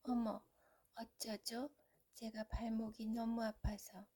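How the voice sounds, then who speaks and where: A woman's voice: a little high, level tone, slow, mellow, breathy edge. A woman voicing a haughty, coy young noblewoman from a storybook, read to a young child. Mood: feigned regret.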